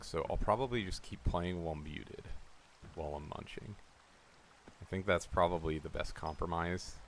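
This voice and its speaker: A man with a deep, low voice streams a video game and talks to his chat in a relaxed, rambling way. A faint hiss of noise sits under his voice. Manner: laid-back, rambling, chats to viewers while playing. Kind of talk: casual live-stream chat.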